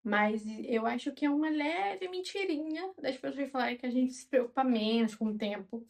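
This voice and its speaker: A woman in her twenties with a Brazilian Portuguese accent, chatting calmly and openly to her viewers like a friend. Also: high voice, normal speed, gravelly. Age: 20s. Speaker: vlogger. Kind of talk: casual chat to camera.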